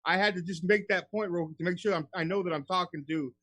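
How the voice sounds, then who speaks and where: A man's voice: sits high, steady tone, fast talker, a bit bright, no room sound. A man hosting a radio show in casual, slangy, buddy-like chat, often calling people bro.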